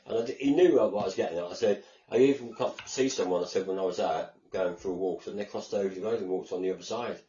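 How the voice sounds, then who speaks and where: A man's voice: deep voice, fast, hardly any pauses, mellow, dull audio, a little hiss or hum. An English man co-hosting a podcast, chatting casually and retelling conversations with lots of reported speech. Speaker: podcast co-host. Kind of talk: casual chat.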